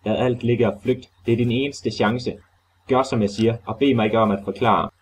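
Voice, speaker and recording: A man's voice: on the low side, a little mellow, a little hiss or hum, natural voice. A man voicing a terrified man trapped in a crypt who frantically pleads with his friend to flee, talking with breathless urgency. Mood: frantic.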